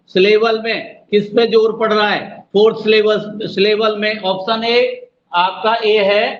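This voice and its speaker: A man teaching an online exam-prep class, drawing words out slowly syllable by syllable and calling his students "beta", with an Indian English accent. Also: high voice. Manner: slow, drawn-out spelling of words, addresses students as "beta". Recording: dull lo-fi audio with faint noise.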